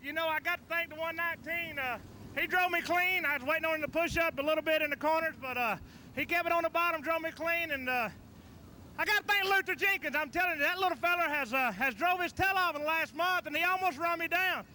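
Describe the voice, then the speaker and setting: Breathless Southern driver, bright high voice. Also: male voice, quick pace, slight background noise. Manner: folksy, rambling thanks. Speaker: race driver. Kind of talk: victory interview. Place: outdoor racetrack.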